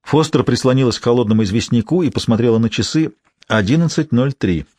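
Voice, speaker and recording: A man's voice: medium pitch, fast talker, darkish tone, no echo. Man narrating a thriller audiobook. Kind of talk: scripted narration. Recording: dry studio sound.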